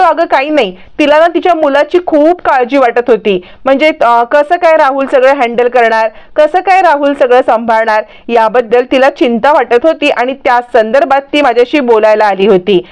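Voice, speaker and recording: High-voiced woman retelling a drama. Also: moderate pace, few pauses, clear, resonant tone. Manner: lively, narrates every character's lines herself. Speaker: serial recap narrator. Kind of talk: storytelling recap with voiced quotes.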